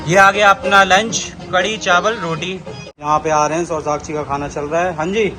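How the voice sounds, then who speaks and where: Family vlogger, male, high lively voice, playful and coaxing with toddlers, outdoors on a rooftop with music underneath. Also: moderate pace. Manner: playful, coaxing baby talk with small children. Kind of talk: casual family vlog.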